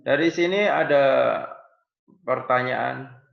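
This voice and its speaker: A nursing lecturer teaches an online class, explaining patiently and often tacking "ya" onto his phrases. His mid-range voice is gravelly and slow, and the recording is echoey, dull and lo-fi.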